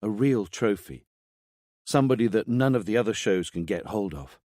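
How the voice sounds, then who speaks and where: A man voicing a sharp, sarcastic female TV journalist with a dry manner. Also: on the low side, animated, moderate pace, no room sound, close to an everyday voice.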